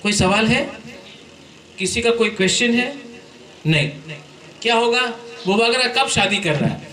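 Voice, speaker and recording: A man's voice: sits high, animated, a little slow, sharp tone, slight background noise. A man giving an impassioned public speech to students, exhorting them and mixing in English phrases, then taking questions. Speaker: community leader addressing students. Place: hall with students. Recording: echoey hall.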